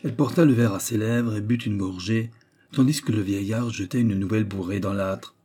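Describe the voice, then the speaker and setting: A man narrating a classic novel as an audiobook, in measured, even storytelling. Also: fairly low pitch, faint music behind. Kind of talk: scripted literary narration.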